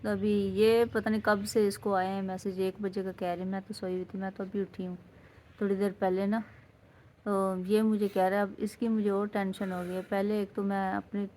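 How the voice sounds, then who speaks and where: Woman, casual home vlog, worried, keeps asking questions, repeats herself, mid pitch, warm mellow tone. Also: flat delivery, slight background noise. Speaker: vlogger's wife.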